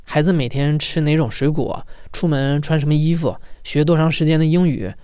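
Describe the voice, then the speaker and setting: A man hosting the show, reading a scripted introduction in a measured way. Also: on the high side, dark tone, clean tone, no echo, studio quality. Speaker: podcast host. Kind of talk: scripted narration.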